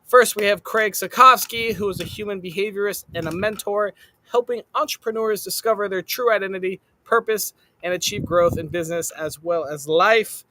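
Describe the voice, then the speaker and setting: Upbeat guy host doing sponsor reads, higher voice, bright, dry close mic. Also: normal speed, dry recording. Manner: upbeat, emphatic announcer delivery. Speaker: podcast host. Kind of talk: podcast host reading sponsor shout-outs.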